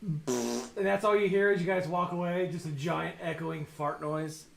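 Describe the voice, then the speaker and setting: A man playing a tabletop game, telling funny stories in an animated, joking way. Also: fairly high pitch, normal speed, gravelly, a loud crowd. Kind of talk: casual tabletop game chat. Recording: echoey room.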